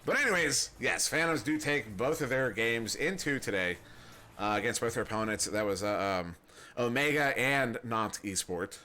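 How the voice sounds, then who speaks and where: A man's voice: mid-range voice, animated, normal speed, sharp tone, slight background noise. A young American man doing casual play-by-play commentary on an esports match, rambling and self-deprecating, often chuckling. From United States. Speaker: esports caster.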